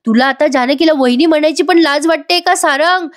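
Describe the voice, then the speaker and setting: A woman's voice: high-pitched, brisk, no echo, clean studio sound, pitched above the performer's own voice, close to an everyday voice. A woman voicing a stern, angry middle-aged mother who scolds her son indignantly. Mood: furious.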